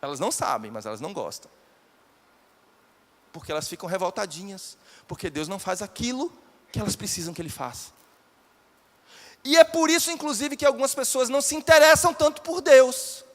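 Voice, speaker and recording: A pastor preaching live, his high voice leaping around as he keeps questioning the congregation. The sermon rings with long reverb through a church hall. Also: brisk, pauses often. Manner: animated, questions the congregation directly.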